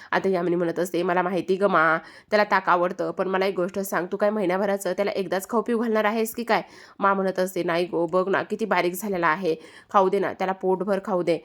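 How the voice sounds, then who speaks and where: Woman recapping a TV serial. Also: on the low side. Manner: retells the scenes and quotes each character in a lively, livelier voice. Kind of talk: casual retelling of a TV serial episode.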